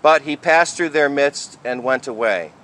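A man speaking as a priest in a liturgical reading and homily style, with measured, deliberate phrasing. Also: mid-range voice, a bit bright, poor audio. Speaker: priest reading the Gospel and preaching.

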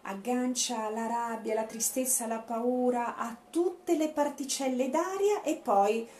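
A woman leading a guided breathing meditation as an instructor, speaking in a deliberate, instructive way with pauses. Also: a little high, a little mellow. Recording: echoey room, faint background noise.

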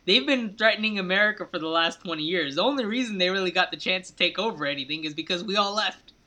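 Bright, high-voiced man arguing passionately. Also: fast. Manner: impassioned, rambling, many "like" and "I mean" fillers. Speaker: podcast co-host. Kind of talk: casual political debate.

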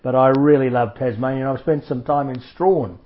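A man's voice: mid-range voice, fairly even intonation, fairly quick. A man hosting a community radio interview, giving formal, effusive introductions. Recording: dull lo-fi radio recording.

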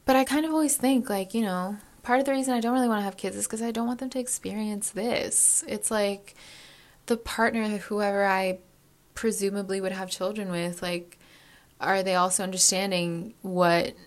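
A woman's voice: medium pitch, fairly even intonation, moderate pace. A young woman in her early twenties speaks in a casual confessional vlog. She rambles and restarts her sentences, and leans on fillers as she thinks aloud. Her tone stays candid and reflective. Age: early 20s. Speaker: vlogger.

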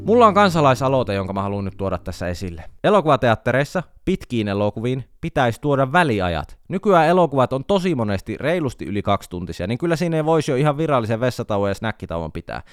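A man's voice: medium pitch, few pauses, smooth, no room sound, studio quality, faint music behind. A man hosting a podcast, telling a self-mocking comic story in a casual monologue. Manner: wry, self-mocking storytelling with animated outbursts. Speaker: podcast host.

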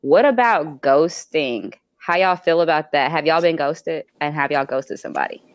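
A woman's voice: sits low, moderate pace, no room sound, highs cut off. A woman hosting a podcast in casual chat, blunt and teasing with slangy phrasing. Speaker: podcast host.

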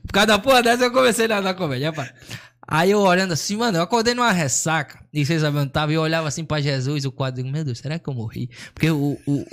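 A man, a comedian, telling a long story in casual chat, slangy and animated, acting out what people said. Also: on the high side, rapid-fire. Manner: slangy, animated, acts out quotes.

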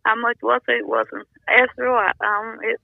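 A woman's voice: fairly high pitch, flat delivery, normal speed, creaky, no room sound, narrow, tinny audio. A woman, chatting plainly as a guest and giving short, blunt answers. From Alabama. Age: 80s. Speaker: guest, the host's grandmother. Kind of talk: casual family chat.

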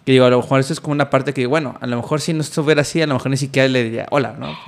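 A man's voice: medium pitch, gravelly, a little hiss or hum. A man with a Mexican accent chatting casually, telling stories animatedly with lots of fillers. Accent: Mexican Spanish. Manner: fast, animated storytelling with many fillers. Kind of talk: casual chat.

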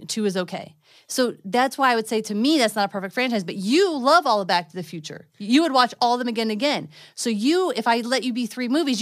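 A woman's voice: fairly high pitch, dry recording, studio quality. A woman co-hosting a podcast, arguing her point in an insistent, casual debate. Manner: insistent, argumentative. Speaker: podcast co-host.

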